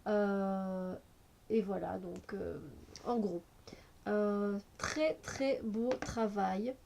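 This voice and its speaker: A woman's voice: medium pitch, a little mellow, a little hiss or hum. A woman with a cold, reviewing an oracle card deck in a casual, hesitant way with many fillers. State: has a cold.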